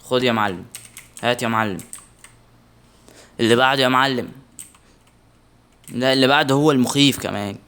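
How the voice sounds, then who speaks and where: An excitable young man with an Egyptian Arabic accent, giving let's-play commentary on a horror game, yelping in alarm and muttering to himself. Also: medium pitch, a little fast, pauses often, clean tone. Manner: excitable, shouts in alarm, mutters under breath. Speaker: gaming channel host.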